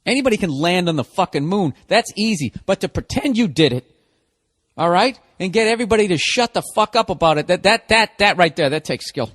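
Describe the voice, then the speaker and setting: Brief: a man on a podcast, somewhat higher-pitched than most men, cursing through a rambling comic rant. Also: lively intonation, a little fast, no echo, studio quality. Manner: profane, exasperated, rambling. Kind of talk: casual comedic rant.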